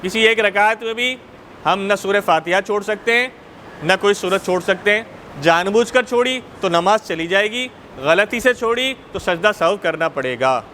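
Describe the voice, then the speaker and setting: High-voiced Pakistani Urdu religious teacher. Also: male voice, animated, sharp tone, a little hiss or hum. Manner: repetitive, checks students' understanding. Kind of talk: Islamic jurisprudence class. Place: mosque.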